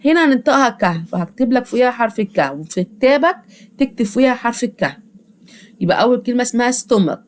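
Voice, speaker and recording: A young woman with an Egyptian Arabic accent teaching children English vocabulary, repeating each word patiently so they can echo it. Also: on the high side. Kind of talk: vocabulary lesson with drilled repetition.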